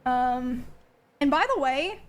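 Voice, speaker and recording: A woman's voice: sits high, takes it slowly. A young woman, a streamer, giving a candid spoken account of her own experiences, hesitant and full of ums and likes. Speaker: streamer recounting personal events.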